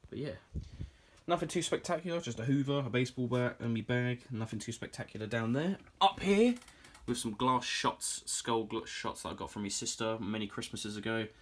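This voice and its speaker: A British man in his twenties giving an off-the-cuff room tour in casual, enthusiastic, informal vlog chat. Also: fairly low pitch. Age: 20s. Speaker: collector hosting a room tour.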